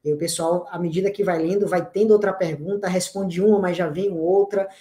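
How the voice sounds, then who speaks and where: A middle-aged Brazilian man teaching an online course, his voice mellow and soft-edged. He explains step by step, asks rhetorical questions and shifts his intonation. The sound comes through a computer mic with a roomy echo. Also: high voice, fairly even intonation, a little fast. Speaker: university lecturer.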